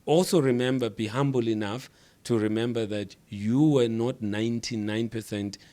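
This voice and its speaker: A middle-aged man from South Africa with a South African accent, a podcast guest speaking in a measured, reflective way who drives points home by repeating phrases. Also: mid-range voice, steady tone, mellow. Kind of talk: reflective interview talk.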